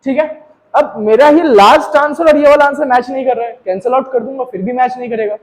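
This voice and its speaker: A man from India leads a maths class in Hindi, slipping in English terms while talking to students directly and checking their grasp of the material. His very high voice moves a little fast, and the recording is low quality.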